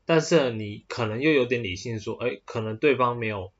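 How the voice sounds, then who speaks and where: A man with a Taiwanese Mandarin accent talks through a casual solo podcast at a middle pitch, his voice slightly husky. He wanders and restarts often, padding his sentences with hesitant fillers. The recording sounds dull and lo-fi. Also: fairly quick. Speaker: podcast host.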